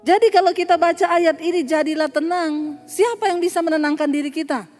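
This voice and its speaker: A woman pastor preaching a sermon, animated and telling stories, acting out dialogue and laughing at her own jokes. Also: very high-pitched, fairly quick, big-room sound, soft background music. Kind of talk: sermon with storytelling.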